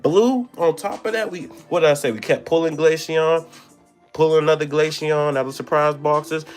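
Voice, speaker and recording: A young man hosting a card-opening vlog, excited, exclaiming and stammering over his pulls. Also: a little high, normal speed, soft background music. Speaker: card-opening channel host.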